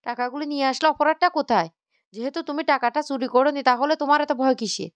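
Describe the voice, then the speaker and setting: A woman's voice: high voice, fast, no room sound, voice pushed up, natural voice. A woman reading as a torn young husband. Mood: exasperated. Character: young husband caught between wife and family.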